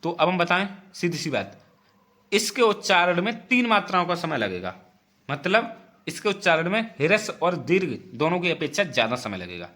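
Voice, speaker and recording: A man's voice: high voice, very animated, moderate pace, pushed and bright. A man teaching an exam-prep grammar lesson, explaining patiently, repeating points and putting questions to the class.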